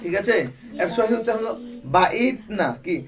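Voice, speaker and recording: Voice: medium pitch, quick pace, distant mic, dull audio, music in the background. A Quran recitation teacher giving a classroom lesson, drilling the students with repeated questions and call-and-response.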